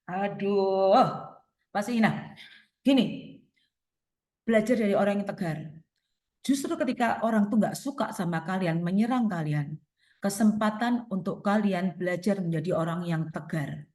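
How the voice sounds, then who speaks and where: A workshop speaker takes audience questions in a webinar-style advice talk, backing up her points with everyday examples and rhetorical questions. Her voice is medium in pitch and warm, delivered at a moderate pace. The room sounds echoey.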